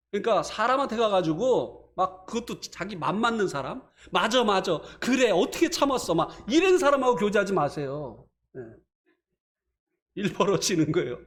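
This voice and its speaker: Animated, high-pitched male preacher. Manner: animated storytelling, swings from heated to subdued. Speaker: pastor. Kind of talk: sermon. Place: church.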